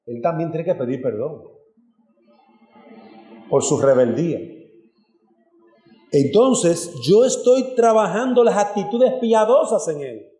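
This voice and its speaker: High-voiced earnest preacher man. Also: warm tone, echoey room. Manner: earnest preaching, addresses congregation as brothers. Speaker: pastor. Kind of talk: sermon. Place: church hall.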